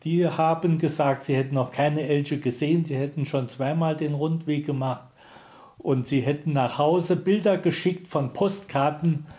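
A man's voice: fairly high pitch, steady tone, normal speed, dark tone. A man telling a travel anecdote with dry, wry remarks. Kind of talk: spoken anecdote.

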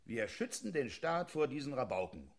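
A man's voice: medium pitch, sing-song, normal speed. An actor playing a smug married policeman who chuckles as he justifies harsh policing in a satirical sketch. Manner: self-righteous, chuckling, conspiratorial. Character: smug male riot policeman, married father. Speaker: policeman character.

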